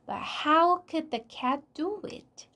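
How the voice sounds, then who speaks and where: A woman's voice: sits high, animated, slow, bright, forceful tone, voice pushed up, exaggerated voice. Woman doing a worried young boy. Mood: urgent. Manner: earnest, urgent storybook dialogue. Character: young boy, worried but trying to stay calm.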